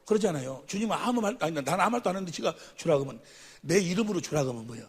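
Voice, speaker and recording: A man preaching at a church seminar, who keeps quizzing the audience and calling for amens, sometimes bursting into shouts. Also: on the high side, lively intonation, rapid-fire, slightly rough. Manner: quizzes the audience with constant questions; calls for amens after each point. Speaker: pastor. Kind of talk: seminar sermon teaching.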